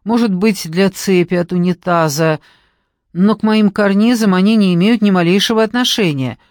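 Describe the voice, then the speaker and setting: A woman's voice: mid-range voice, moderate pace, darkish tone, no echo, clean studio sound, close to an everyday voice. A woman reading an audiobook, voicing a stern middle-aged woman who talks in an indignant, curt, commanding way.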